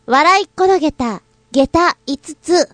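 A woman's voice: high voice, lively intonation, slow pace, a bit bright, dry recording. A woman hosting a show and coaching drama, chatting playfully with light self-mocking asides. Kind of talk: casual chat.

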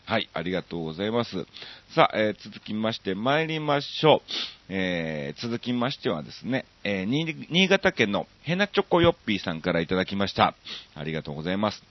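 A man from Osaka with a Kansai accent hosting a radio show, chatting casually and reading listener mail with lots of drawn-out fillers. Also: on the low side, very animated, dry recording, lo-fi sound. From Osaka, Japan.

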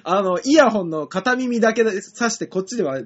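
A man's voice: high voice, animated, brisk. A man co-hosting a comedy web radio show, polite and playful as he tells stories and trades jokes. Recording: dull lo-fi web radio audio.

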